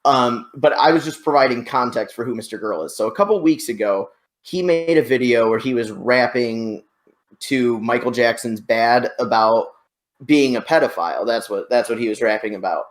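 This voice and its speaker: A man's voice: mid-range voice, moderate pace. This is a man in a mid-range voice who hosts a casual debate over a voice call. He explains at length, hedging and circling back as he goes. His speech comes through a plain computer microphone. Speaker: show host. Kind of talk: casual online debate chat.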